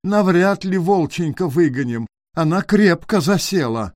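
A man's voice: high-pitched, animated, unhurried, a little mellow, dry recording, studio quality, voice pushed up. A man voicing a frightened, weepy little male hare in a storybook tale, pleading plaintively.

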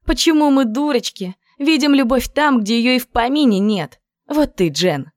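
A woman's voice: a little high, expressive, normal speed, darkish tone, no room sound, studio quality, pitched above the performer's own voice, close to an everyday voice. A woman voicing a young, dreamy and gossipy girl, raising her voice into lilting exclamations. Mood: exclaiming.

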